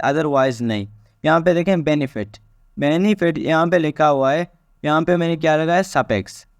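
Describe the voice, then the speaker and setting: A man teaching English spelling rules. He reads each rule slowly and then explains it in a casual way, repeating himself as he goes. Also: fairly high pitch, clear, resonant tone, no echo, studio quality. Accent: Pakistani. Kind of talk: spelling lesson explained step by step.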